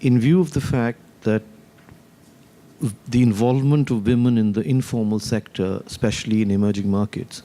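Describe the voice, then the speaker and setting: Man questioner, low mellow voice, formal phrasing. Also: steady tone. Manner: formal, deliberate. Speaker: audience questioner.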